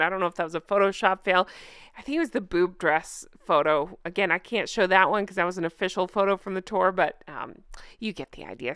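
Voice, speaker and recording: A woman hosting an online recap show with animated, casual, sarcastic and gossipy chatty commentary. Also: mid-range voice, smooth, no echo, studio quality. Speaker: YouTube recap show host.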